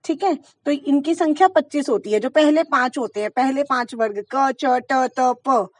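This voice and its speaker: A woman with a high voice teaches a grammar lesson to schoolchildren. She explains step by step and asks the class questions that she answers herself. The recording is dry and close, with no echo of the room. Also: unhurried.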